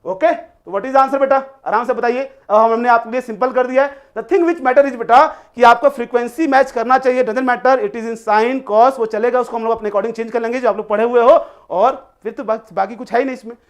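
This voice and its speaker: An online tutor with an extremely high, steady voice teaches a live class at a moderate pace with few pauses. He coaxes and repeats himself, mixes English phrases into his explanations, and calls his students "beta."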